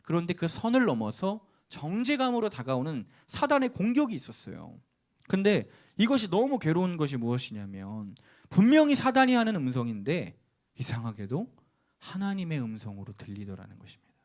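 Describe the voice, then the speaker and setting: A middle-aged man preaching in a church, telling a personal story and acting out the voices of the people in it, with sudden loud cries and hushed lines. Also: fairly high pitch, wildly swooping pitch, fairly quick. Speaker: pastor. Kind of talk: sermon. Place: church sanctuary.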